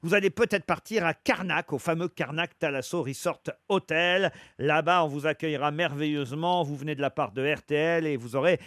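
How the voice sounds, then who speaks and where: Quick-replying French radio quiz host. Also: male voice, fairly high pitch, a bit bright, no room sound, studio quality. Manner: announces prizes and quiz clues, answers guesses in quick replies. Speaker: radio game show host. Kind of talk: lively radio quiz hosting.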